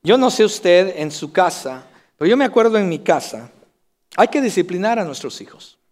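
A man's voice: high voice, expressive, normal speed, a little mellow. A man preaching a sermon as pastor, earnestly addressing his congregation directly.

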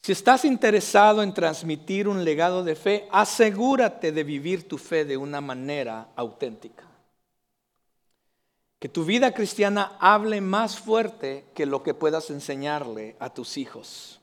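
Guy pastor with a high voice, earnest sermon, gets emphatic. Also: lively intonation, unhurried. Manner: earnest, builds to emphatic declarations.

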